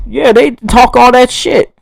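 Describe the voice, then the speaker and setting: A man's voice: very high voice, unhurried, creaky, no room sound, poor audio. A young man with a Southern US accent, talking bluntly and profanely to camera in a rambling monologue. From Southern United States. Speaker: vlogger.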